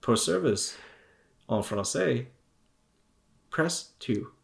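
A man's voice: mid-range voice, drawn-out words, creaky, roomy sound, heavily acted. A man putting on the stiff, robotic voice of an automated phone menu announcing options, with a bit of French. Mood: mock formal. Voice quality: flat robotic delivery. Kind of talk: joking impression.

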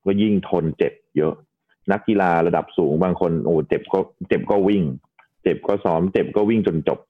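A man's voice: deep voice, brisk. A man, a doctor guest on a podcast, patiently explaining injuries step by step in a casual, polite way. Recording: tinny phone-like line.

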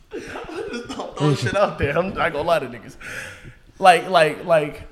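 A young man with a high, light voice and an excitable, slangy way of talking. He laughs often through a casual group conversation. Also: very noisy. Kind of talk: casual chat.

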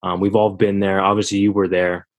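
A man hosting an interview, relaxed and casual, reading out listener questions. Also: deep voice, brisk. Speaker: podcast host.

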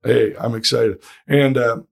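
A middle-aged man with a hoarse, raspy voice that is nearly gone, chatting casually as a podcast host. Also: medium pitch, fairly even intonation, a little slow. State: hoarse, losing his voice. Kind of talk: casual interview chat.

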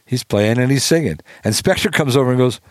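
A man's voice: medium pitch, a little fast, dry recording, studio quality. A man casually telling a long anecdote, acting out quotes and swearing freely. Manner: animated storyteller, acts out quotes, swears freely. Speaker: storytelling guest.

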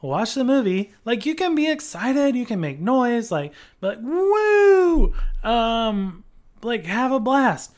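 A podcast co-host in casual chat, ranting with heavy profanity and rambling through many fillers, with a mid-pitched voice. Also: animated, a little slow.

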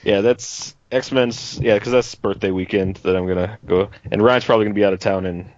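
A man's voice: lowish voice, steady tone, fairly quick, darkish tone. A man chatting casually with friends as a podcast panelist, on a muffled recording with some noise. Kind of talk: casual movie chat with friends. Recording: muffled, noisy lo-fi recording with clicks.

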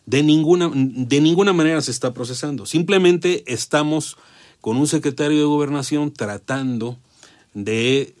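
A man's voice: fairly high pitch, moderate pace, darkish tone. A man with a Mexican accent gives conversational political commentary, repeating phrases for emphasis and posing rhetorical questions. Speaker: panel commentator.

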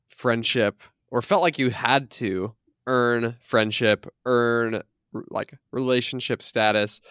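Smooth-voiced man asking podcast questions. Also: medium pitch, a bit bright, no echo, clean studio sound. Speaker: podcast host. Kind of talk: casual podcast discussion.

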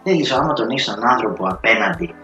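A man's voice: on the low side, animated. A man hosting a cooking channel, talking casually to his viewers in a chatty, slangy storytelling way. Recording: roomy echo with faint music.

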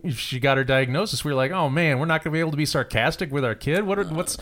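A man's voice: fairly high pitch, quick pace, fairly bright tone. A man in his forties co-hosting a podcast in casual chat, telling stories with a dry, sarcastic humor. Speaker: podcast co-host.

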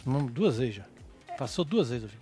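A man's voice: medium pitch, sing-song, normal speed, over music. A man from São co-hosting a casual gossip chat, laid-back and slangy, mostly agreeing with the host.

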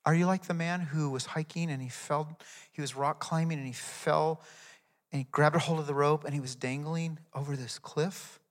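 A man with a slightly high voice and fairly even intonation preaches as pastor at normal speed. He is emphatic, swelling loud and then dropping to a soft prayer tone, in a hall with long reverb.

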